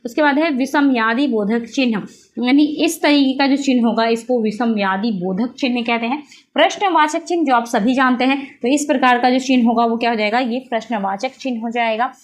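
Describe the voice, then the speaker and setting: A woman's voice: on the high side, a little fast. A woman teaching a Hindi grammar lesson, who repeats her points and asks herself questions before she answers them.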